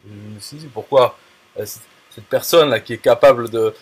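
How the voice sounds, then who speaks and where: Guy rambling casual, lots of euh and restarts, kinda crude, middle pitch. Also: husky. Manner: halting, many fillers and restarts, blunt crude slang. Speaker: affiliate marketer. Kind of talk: casual talk to a viewer.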